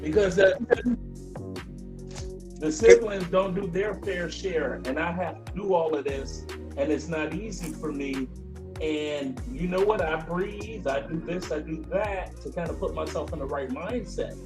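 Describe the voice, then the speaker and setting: A man's voice: a little high, measured pace, music in the background. A man joining a casual group chat over a video call, his audio muffled, distant and cutting out, often restarting his sentences. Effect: muffled, distant, cutting-out online call audio. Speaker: call-in guest.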